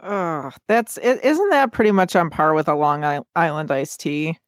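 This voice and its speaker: A woman co-hosting a podcast in casual chat, chatty and quick to giggle. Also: deep voice, dry recording, clean studio sound. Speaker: podcast co-host.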